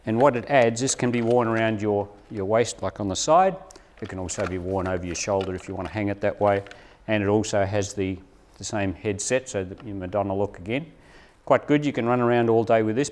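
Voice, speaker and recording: Speaking to teachers at a live training in a meeting room, a male presenter keeps a chatty tone and keeps asking "right?". His voice is on the low side and a little mellow; the audio starts on a lapel mic and at times shifts to a camera mic far off in the room.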